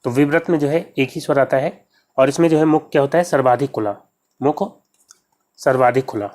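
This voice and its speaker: A man with a medium-pitched, slightly mellow voice talks fairly quickly while going through exam questions answer by answer. He repeats key words often and treats his viewers as friends.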